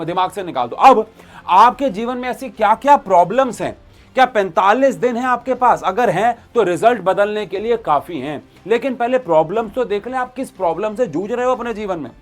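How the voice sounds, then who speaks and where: A young man teaching and pitching a crash course to students in an animated, coaxing way. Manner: animated, addresses students as bhaiya and babu. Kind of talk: energetic coaching pitch to students.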